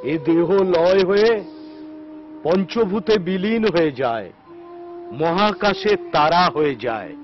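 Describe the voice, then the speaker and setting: A fervent, gruff holy man. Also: high voice, lively intonation, slow pace. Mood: gruff, preaching. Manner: gruff and blunt with followers, pleading cries to the Mother. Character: wild, fervent male ascetic holy man. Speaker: wandering ascetic saint. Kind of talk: devotional film acting. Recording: dull lo-fi film soundtrack with music.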